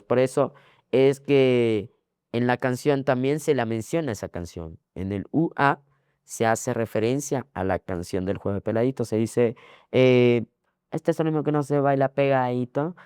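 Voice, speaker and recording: A young Ecuadorian man talks through his story as an interview guest, circling back over his own phrases with frequent fillers. His voice is smooth and resonant at a middle pitch, recorded close and dry. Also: a little mellow, no echo. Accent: Ecuadorian Spanish. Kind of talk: casual interview.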